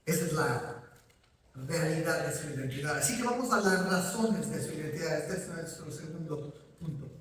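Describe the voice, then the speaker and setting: A man's voice: on the high side, animated, normal speed, a little hiss or hum. A man from Ecuador preaching a sermon in a church, addressing listeners directly and answering his own questions. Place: church sanctuary. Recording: echoey hall, voice from far off.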